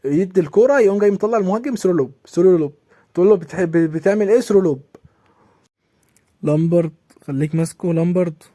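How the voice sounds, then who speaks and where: Reacting play by play to his football match, the young Egyptian-accented YouTuber sounds exasperated and keeps repeating himself in this live commentary. He speaks fast in a high, mellow voice with long pauses, and the studio-quality recording is dry.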